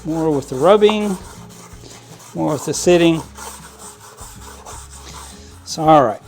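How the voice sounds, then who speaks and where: A model train hobbyist channel host speaks in a slightly high, slow voice with lively intonation and a darkish tone, over soft background music. He casually narrates how he cleans model trains at his work table, rambling through a how-to with lots of fillers, restarts, and frequent little chuckles.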